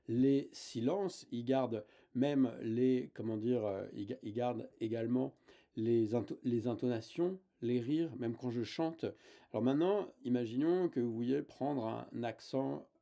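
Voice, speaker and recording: A man's voice: mid-range voice, a little slow, gravelly, mellow. A man hosting a casual tech tutorial, talking hesitantly with many fillers and restarts.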